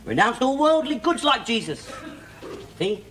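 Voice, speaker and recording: A blustering, bigoted middle-aged Cockney, ranting with swearing and tag questions. His pitch swings widely as he holds forth. The old TV recording carries a noticeable hiss. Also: big pitch swings, a little slow, fairly bright tone, full character voice. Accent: London Cockney. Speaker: sitcom lead character. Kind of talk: 1960s TV sitcom acting. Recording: noisy old TV soundtrack.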